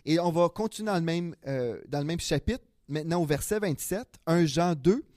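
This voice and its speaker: A man's voice: a little high, animated, moderate pace, a little mellow, no echo, studio quality. A man preaching a chatty, conversational sermon, often correcting himself and chuckling.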